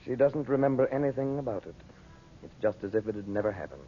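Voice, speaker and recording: Radio serial leading man male actor: ardent, earnest magician, intimate measured delivery, mid-range voice, dull old recording with rumble. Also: natural voice. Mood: earnest, intent. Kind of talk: 1940s radio serial acting. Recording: muffled, noisy vintage radio recording with rumble.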